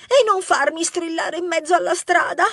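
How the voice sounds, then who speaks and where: A woman voicing a bossy, loud female mouse neighbor who shouts imperiously. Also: moderate pace, no room sound, clean studio sound. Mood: insistent. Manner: shrill, pushy and imperious. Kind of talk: audiobook character voice.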